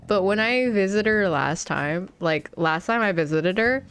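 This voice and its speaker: Her voice is medium-pitched, animated and a bit bright, and she talks a little slowly. She's a young Canadian woman streaming a game, chatting casually with many fillers, restarts and bursts of laughter.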